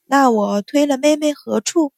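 A woman playing a sly young lady, soft sweet voice, polite on the surface, storybook reading. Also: high voice, moderate pace, vocal fry, no echo, studio quality, pitched above the performer's own voice.

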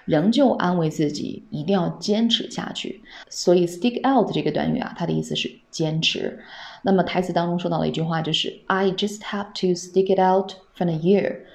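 A woman with a low, gravelly voice teaches English on a podcast. She is patient, repeats each phrase slowly and asks her listeners questions. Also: warm tone.

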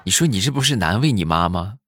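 A man telling jokes in a stand-up style, animated and acting out the people in his stories. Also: lowish voice, fast talker, over loud music. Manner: animated, acts out quoted characters in raised voices.

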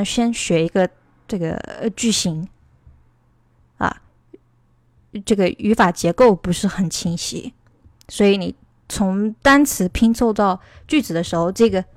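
Brief: chatty woman teacher from China, mid-pitched, dry close sound, loose explanatory talk. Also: moderate pace, no echo. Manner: rambling, explanatory. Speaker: English teacher. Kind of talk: casual online lesson.

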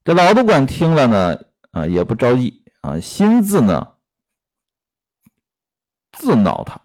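A man's voice: medium pitch, huge pitch swings, takes it slowly, darkish tone. A man retelling a classic novel episode and commenting on it, with frequent fillers and rhetorical questions. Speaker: storyteller and commentator. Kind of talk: storytelling with workplace commentary.

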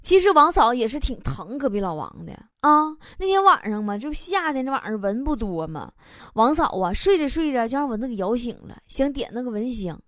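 Lively woman with a Northeastern Chinese accent. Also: on the high side, fairly quick. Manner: chatty, laughing at own jokes. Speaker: comedy show host. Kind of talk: comic monologue. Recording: loud background noise.

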